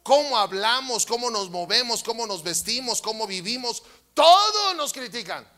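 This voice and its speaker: A man with a Mexican Spanish accent, preaching a sermon who acts out voices and then shouts at the congregation. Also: very high voice, big pitch swings, normal speed. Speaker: pastor.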